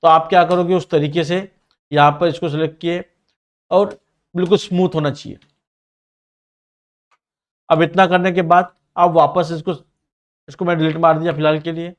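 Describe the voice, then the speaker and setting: A man with a slightly high voice walks students through a ring design in CAD software, narrating each click and command as he goes. He explains plainly and directly to his learners, with a Mumbai Hindi accent. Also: little pitch movement. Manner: says he sometimes talks fast. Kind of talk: screen-recorded software tutorial.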